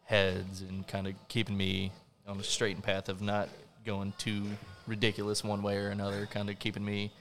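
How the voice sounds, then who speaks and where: A man's voice: fairly low pitch, completely flat delivery, moderate pace, fairly bright tone. A man, a drummer guesting on a podcast, chatting casually with slangy, sweary phrasing. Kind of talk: casual chat.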